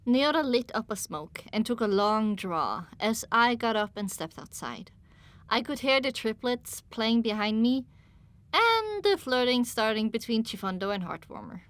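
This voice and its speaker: A woman narrating a fantasy audiobook in the first person, her voice sitting a little higher than most. She tells the story in an even, measured way. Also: dry recording.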